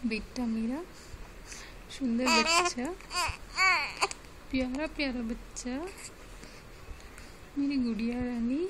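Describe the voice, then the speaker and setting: A woman's voice: a little high, slow, pauses often. A mother coaxing her baby in sing-song baby talk, repeating her phrases, on a noisy home recording.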